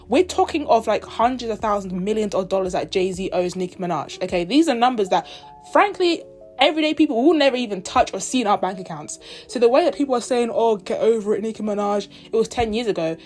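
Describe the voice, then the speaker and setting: With a fairly high pitch and a darkish tone, a 21-year-old woman from the UK and Zimbabwe vents in a casual opinion vlog. She sounds emphatic and indignant, and she puts on other people's voices in quoted asides.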